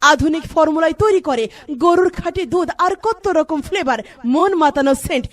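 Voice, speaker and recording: A woman's voice: extremely high pitch, fairly quick. A woman with a Bangladeshi accent playing a scolding, knowing grandchild in a comic advertisement skit. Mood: scolding, insistent.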